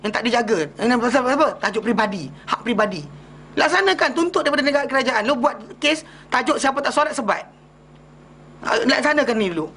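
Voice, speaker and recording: Malaysian male religious teacher, fast and conversational, fires rhetorical questions at his class, faint hum in the room. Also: very high-pitched, expressive, pushed and bright. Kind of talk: hadith class lecture.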